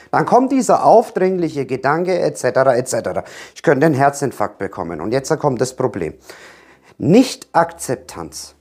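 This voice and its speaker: Speaking straight to camera, a man with a somewhat high, slightly mellow voice gives a coaching talk on anxiety. He is emphatic, repeats key words, and fires rhetorical questions at the viewer.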